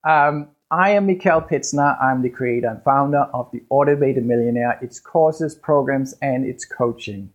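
Man, Danish accent, husky voice, podcast host, conversational, halting. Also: medium pitch, lo-fi sound. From Denmark. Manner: hesitant, with fillers and restarts, conversational. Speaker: podcast host and business coach. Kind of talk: solo podcast monologue.

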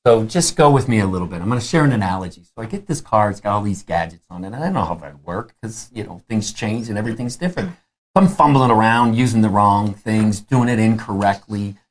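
A man's voice: on the low side, lively intonation, fast talker. A man, giving an earnest, conversational conference talk on faith and family.

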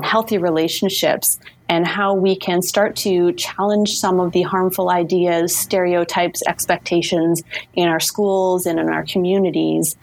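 Earnest woman with a lowish voice explaining. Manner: earnest, articulate, in long listing sentences. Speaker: guest social worker. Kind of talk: explanatory interview answers. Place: remote call.

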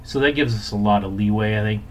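A man's voice: on the low side, quick pace, poor audio. Casual male podcast host over background noise.

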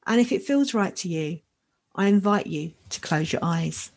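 A woman leading a guided meditation in a soft, soothing, measured voice with long pauses. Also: fairly low pitch, animated. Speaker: podcast host leading a meditation.

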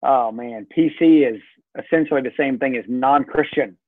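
A man's voice: mid-range voice, normal speed, dry recording. A man with a Southern US Georgia accent, a pastor chatting casually and joking as a podcast guest over a video call. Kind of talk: casual chat. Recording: dry tinny call-quality line.

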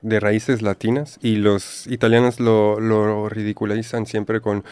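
A man who is a travel content creator, a guest in a casual chat, who talks in a relaxed way and playfully mimics accents. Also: fairly low pitch, a little slow, smooth, no room sound. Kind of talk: casual conversation.

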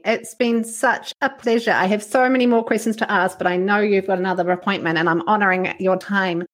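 A woman with a broad New Zealand accent, hosting an interview podcast and addressing her guest and listeners. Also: mid-range voice.

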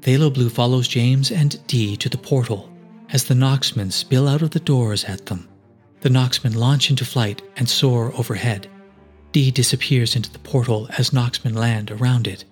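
A man narrating a fantasy adventure story in steady, dramatic scripted narration. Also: mid-range voice, moderate pace, faint music behind. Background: faint musical score.

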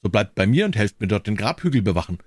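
A man's voice: lowish voice, big pitch swings, fast talker, a little mellow, husky, no echo, studio quality. A man voicing a farmer earnestly asking a stranger to keep watch with him.

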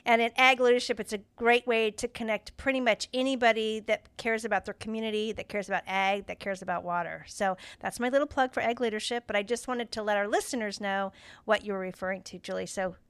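A woman's voice: mid-range voice, steady tone, quick pace, fairly bright tone, clear, resonant tone, dry recording. A woman podcast host chatting enthusiastically and promoting a program she admires. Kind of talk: casual interview chat.

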